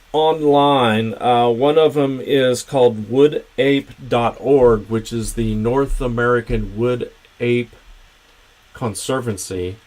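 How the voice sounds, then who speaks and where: A man hosting his own channel's livestream, talking in a casual, meandering, unscripted way. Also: lowish voice. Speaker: channel host.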